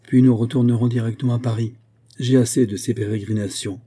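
A man's voice: medium pitch, fairly even intonation, dark tone, husky, close to an everyday voice. A man voicing a dignified, stern older princess. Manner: measured, serious tone. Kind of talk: audiobook character voice.

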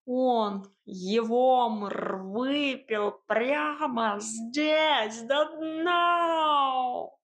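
A woman's voice: high voice, fairly bright tone, exaggerated voice. A woman reading an audiobook, voicing a fretful male house cat who purrs and wails his words. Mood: desperate. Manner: purring, wailing, hurried pleas.

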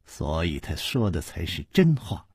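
A storyteller voicing a composed young woman who speaks calmly with light mockery. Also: sits low, measured pace, slightly rough, no room sound, studio quality, voice pushed down, exaggerated voice. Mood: amused.

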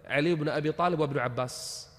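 A man's voice: a little high, fast, a bit bright. A man preaching a sermon, telling stories with impassioned, swelling emphasis. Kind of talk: sermon storytelling. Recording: long hall reverb.

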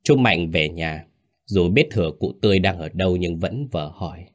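A man narrating a horror story in a calm, measured storytelling manner. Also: deep voice, no room sound, studio quality.

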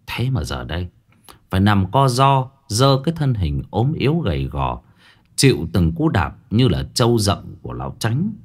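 A man narrating a folk ghost story in a vivid, dramatic way, with coarse village speech. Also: fairly low pitch.

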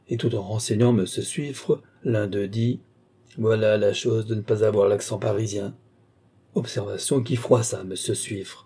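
A man reading a comic short story aloud, telling it with animated storytelling and voicing the quoted characters. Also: medium pitch, slightly rough. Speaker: reader.

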